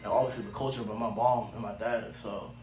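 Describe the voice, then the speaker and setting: A man's voice: fairly low pitch, fairly even intonation, a little fast. Young man, from Cameroon, laid-back slangy talk, echoey room, faint music behind. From Cameroon, raised in Maryland. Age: 20s. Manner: laid-back, slangy, often trails off softly. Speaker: guest singer. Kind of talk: casual interview chat. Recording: roomy echo, faint music.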